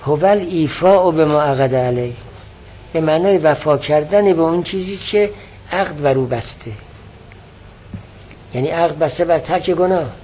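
A man's voice: fairly high pitch, long pauses, dark tone, a little hiss or hum. A man lecturing on a religious text, patiently explaining word meanings and repeating key definitions. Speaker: teacher of religious texts.

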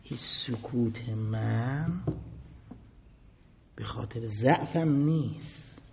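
A man preaching a sermon who explains slow chanted quotes in quick everyday speech, swinging dramatically between loud outbursts and hushed whispers. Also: mid-range voice, gravelly, slight background noise. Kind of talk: sermon retelling religious history. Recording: echoey hall, dull lo-fi sound.

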